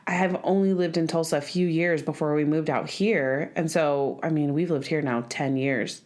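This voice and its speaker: A woman from Oklahoma hosting an interview, relaxed and joking as she asks questions. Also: low-pitched, normal speed. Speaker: podcast host. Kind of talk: casual interview chat.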